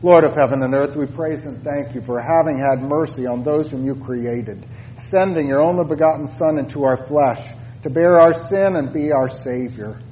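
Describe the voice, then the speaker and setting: A man leading formal church prayers as a pastor, in a solemn, measured manner. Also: fairly high pitch, mellow, roomy sound. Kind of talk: formal liturgical prayer and chant. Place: church service. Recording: muffled church recording with faint noise.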